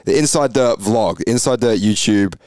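A man hosting a casual motocross podcast, chatting in quick bursts with lots of fillers. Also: fairly low pitch, darkish tone, dry recording. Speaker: podcast host.

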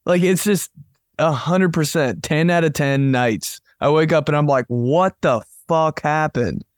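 A man's voice: fairly high pitch, normal speed, dry recording. A young man co-hosting a casual podcast from a home studio, joking crudely and swearing a lot, a little congested. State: congested with phlegm. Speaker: podcast co-host. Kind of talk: casual chat. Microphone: over-ear headphones and studio mic.

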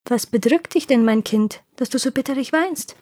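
A woman voicing a wise, kindly old woman in a fairy tale, speaking softly and warmly hushed. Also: high voice, normal speed, pitched above the performer's own voice.

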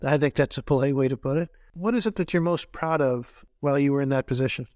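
A man's voice: medium pitch, fast talker, darkish tone, dry recording, studio quality. A man hosting a podcast interview, friendly, summing up the guest's points and asking questions. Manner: friendly, sums up and asks questions. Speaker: podcast host.

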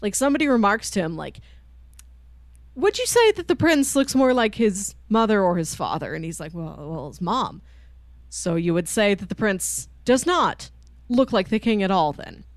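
Very animated and speaking at normal speed in a mid-range voice, a woman co-hosts a casual manga discussion with spoilers. She recounts a story in a chatty way, acting out what the characters say. There's no echo.

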